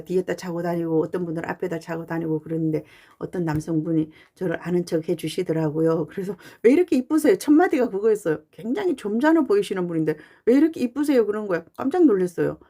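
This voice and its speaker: A woman fan channel YouTuber talking casually and earnestly to her viewers, pausing often with "uh". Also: fairly low pitch, warm tone. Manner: chatty and earnest, with frequent "uh" pauses. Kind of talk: casual talking-head monologue.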